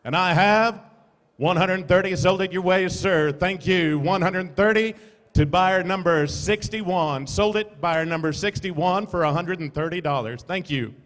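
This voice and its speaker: A man calls auction bids in a rapid, rhythmic chant, his voice high. Between the runs of chant he describes lots to the room. Long reverb from a large hall hangs on his voice. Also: fairly bright tone. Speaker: auctioneer contestant.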